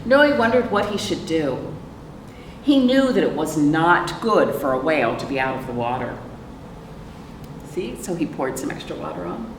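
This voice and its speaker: A low-voiced American woman hosts a picture book read-aloud for young children as a librarian. She reads expressively and asks questions, pausing for the kids to reply. Distant from the mic, the audio sounds roomy, noisy and echoing.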